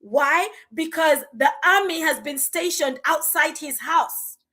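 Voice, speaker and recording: Woman, 40s, high voice, podcast guest on an impassioned, indignant rant. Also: slow, pushed and bright. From Uganda. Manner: passionate, indignant, emphatic.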